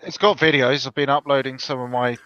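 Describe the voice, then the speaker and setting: A man's voice: mid-range voice, steady tone, brisk, a bit bright, clean tone, dry recording. A man on a casual online stream chat, blunt and sweary as he defends his hobby channel. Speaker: podcast guest. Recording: dull lo-fi call audio with faint hiss.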